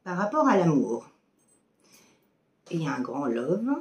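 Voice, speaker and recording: A woman's voice: low-pitched, sing-song, unhurried, a little mellow. A woman giving a casual oracle card reading to her viewers, chatty and affectionate, with many fillers.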